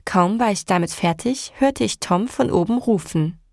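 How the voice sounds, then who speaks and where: Gravelly woman reading a novel. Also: medium pitch, normal speed, no echo, studio quality. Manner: even, storytelling. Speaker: audiobook narrator. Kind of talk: first-person audiobook narration.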